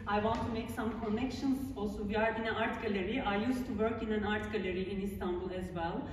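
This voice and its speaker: A woman with a Turkish accent giving a public lecture in an art gallery, speaking earnestly with many filler sounds and halting phrases. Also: medium pitch, a little mellow, slight background noise. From Turkey. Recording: echoey gallery hall from far off.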